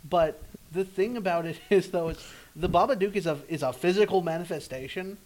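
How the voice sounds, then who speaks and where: Fast-talking man explaining a film. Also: sits high, a little mellow, poor audio. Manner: explains at length, quick with many restarts. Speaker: podcast co-host. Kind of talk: casual movie discussion.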